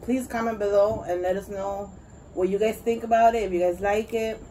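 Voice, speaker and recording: A woman's voice: mid-range voice, steady tone, moderate pace, warm tone, slight background noise, poor audio. A young woman co-hosting an eating video, speaking animatedly and addressing viewers directly. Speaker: co-host. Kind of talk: casual mukbang chat.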